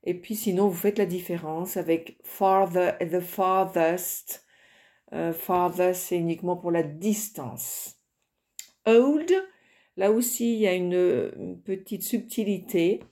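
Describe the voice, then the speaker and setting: A woman teaching English grammar in French in a recorded lesson, explaining slowly with frequent hesitations. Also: lowish voice, warm tone. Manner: slow, explanatory, with many hesitations.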